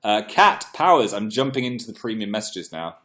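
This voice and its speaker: A young man hosting a livestream speaks a little fast in a lowish, fairly bright voice with big pitch swings. Stuffed up and clearing his throat, he chats casually, makes self-deprecating jokes, and reads out viewer comments.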